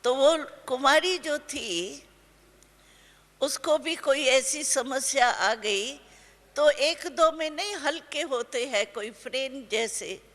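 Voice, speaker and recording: An older woman teaching a spiritual class, telling a story gently and slowly with homely everyday examples. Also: high voice. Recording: long hall reverb.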